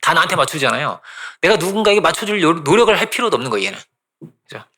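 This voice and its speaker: A man's voice: on the high side, very animated, racing, pushed and bright. A male pastor giving a conversational sermon, often asking the congregation "right?" and repeating phrases for emphasis.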